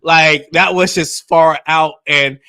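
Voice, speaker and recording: A man hosting a live interview show, excitable and playful, often laughing and reacting loudly. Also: a little high, takes it slowly, smooth. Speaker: host.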